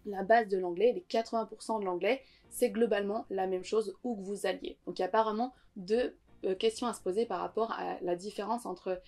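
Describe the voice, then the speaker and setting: A woman English teacher giving an online lesson, explaining patiently and reassuringly, and pausing now and then to demonstrate words. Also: mid-range voice, darkish tone.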